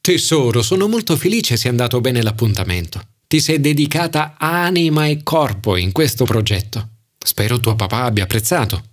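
A man voicing a theatrical, anxious male friend who turns shrill and bossy, in an audiobook. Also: lively intonation, moderate pace, lightly acted. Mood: affectionate. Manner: dramatic, shrill when panicking, bossy. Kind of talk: audiobook character voice.

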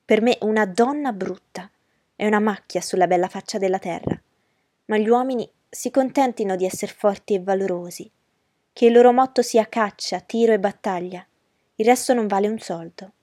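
Reading an audiobook character, a woman voices a proud, mocking young noblewoman who speaks in a haughty, commanding and scornful manner. Her warm, mid-range voice moves at a moderate pace and stays close to an everyday voice, in studio quality without echo.

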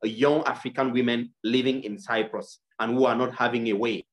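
Casting: young man from Cameroon, earnest and halting, video call guest. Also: medium pitch, fairly even intonation. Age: young adult. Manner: earnest, many fillers and restarts. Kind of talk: interview over video call.

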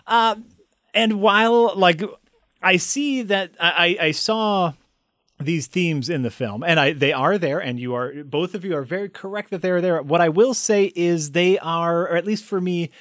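A man co-hosting a podcast who talks with halting restarts and a self-deprecating tone while discussing a film. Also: high voice, a bit bright, no echo, clean studio sound. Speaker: podcast co-host.

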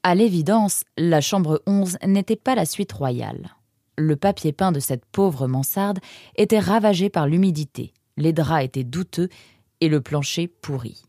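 Conteuse à la voix grave. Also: female voice, on the low side, unhurried, mellow, no echo. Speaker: narrator. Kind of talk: scripted audiobook narration.

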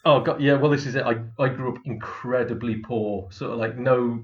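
A man's voice: mid-range voice, steady tone, normal speed, muffled recording. A man, a comedian, chatting casually and bluntly about his career, swearing freely and laughing through his stories. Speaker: comedian guest. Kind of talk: casual podcast chat.

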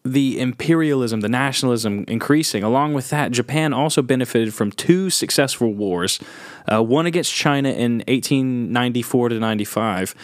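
A man's voice: medium pitch, moderate pace, no room sound, studio quality. A man co-hosting a casual history podcast, joking and laughing often, talking through facts with loose restarts. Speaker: podcast co-host.

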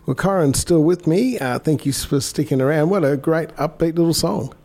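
A man hosting a casual radio interview, with hesitant, halting phrasing. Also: fairly high pitch, a little mellow. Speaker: radio host.

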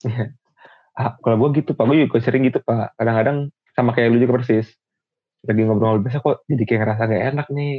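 A man's voice: medium pitch, fairly even intonation, brisk, dry recording. A young man talks casually in slang, often stopping to restart a thought. His voice comes through thin and tinny, like a phone call. The sound is dry, with no room around it. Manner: slangy, hesitant, full of restarts. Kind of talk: casual chat.

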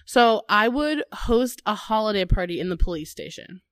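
A woman's voice: medium pitch, animated, normal speed, dry recording, studio quality. A young woman with a Midwestern accent, co-hosting a podcast in casual, giggly chat full of "like". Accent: Midwestern American. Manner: giggly, rambling, heavy on "like". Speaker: podcast co-host.

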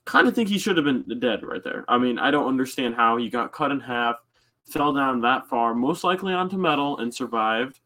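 A man's voice: medium pitch, expressive, brisk, pushed and bright. Agreeable man stumbling through his points. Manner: agreeable, stumbles and restarts words. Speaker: podcast co-host. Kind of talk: casual fan podcast chat.

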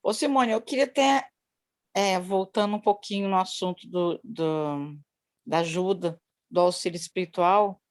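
A woman's voice: fairly low pitch, measured pace. A woman who works at a daycare tells a long personal story. She rambles and repeats herself, speaking into her phone on a video call. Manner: rambling and repetitive, many "né?" tags. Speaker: daycare worker sharing an experience.

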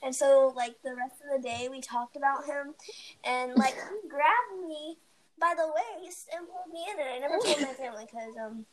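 A woman's voice: high voice, normal speed. A teenage girl co-hosting a casual podcast, telling a rambling story with many fillers. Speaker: podcast co-host. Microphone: home mic, recorded remotely.

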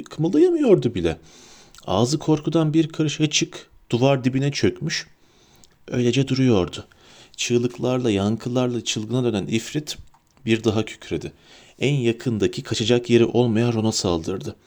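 A man narrating a storybook in a lively, dramatic reading. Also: medium pitch, a little slow. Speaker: audiobook narrator.

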